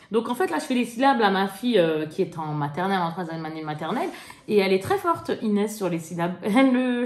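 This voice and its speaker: A chatty young woman talks straight to her viewers while she shows off things she bought, slangy and quick to laugh. Her voice sits fairly high. The room around her rings with echo. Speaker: haul vlogger. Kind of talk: casual chat showing purchases. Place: indoors at home. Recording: echoey room.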